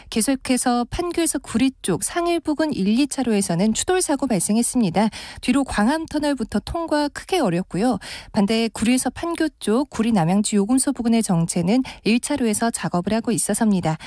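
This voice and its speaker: A woman reading a traffic report on the radio in a smooth, steady delivery. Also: on the high side, no echo, studio quality.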